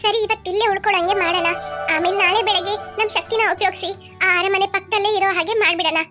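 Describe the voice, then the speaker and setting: High quick cartoon girl guide, patient and calm, voiced by a performer, music behind. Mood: reassuring. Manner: patient, reassuring. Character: calm young woman forest guide. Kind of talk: cartoon voice acting.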